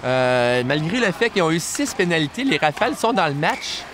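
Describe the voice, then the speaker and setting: A man's voice: on the high side, sing-song, normal speed, fairly bright tone. A man with a Quebec French accent giving live sports analysis as a colour commentator during a game. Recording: clear venue noise behind.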